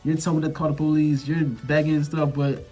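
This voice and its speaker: A man voicing a wary middle-aged truck driver, cautious and deliberate, reasoning aloud in a slightly husky voice. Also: fairly high pitch, level tone, darkish tone, soft background music, pitched below the performer's own voice, lightly acted.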